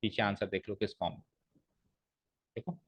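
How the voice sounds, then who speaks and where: A male maths teacher explains a problem step by step to his class, asks them questions and reads expressions aloud slowly, stressing the pauses. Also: lowish voice, animated, a little hiss or hum.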